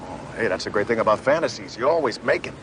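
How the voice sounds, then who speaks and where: A man's voice: lowish voice, lively intonation, fast talker, background noise, natural voice. An actor playing a reformed cat burglar, a middle-aged man on parole who talks wryly and begs for help. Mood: wistful. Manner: wry, chuckling, then pleading. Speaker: ex-convict on parole.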